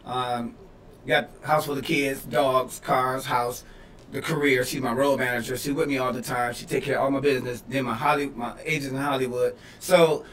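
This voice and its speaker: A man's voice: medium pitch, fairly even intonation, normal speed, a bit bright, a little hiss or hum. A man co-hosting a comedy podcast, telling loose joking stories with lots of restarts and laughs. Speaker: podcast co-host. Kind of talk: casual comedy podcast banter. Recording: roomy echo, mic a bit far off.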